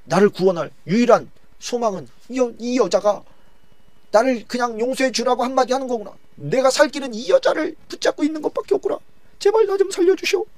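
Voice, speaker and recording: A man's voice: a little high, very animated, brisk, pitched above the performer's own voice. A man playing a groveling, panicky royal minister. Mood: desperate pleading. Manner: fawning, then frantic and pleading. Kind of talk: dramatized Bible retelling.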